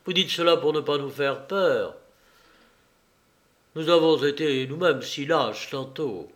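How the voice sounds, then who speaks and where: A man's voice: on the high side, expressive, slow pace, a bit bright. A man voicing an anxious male town employee who pleads and presses for an answer. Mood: pleading.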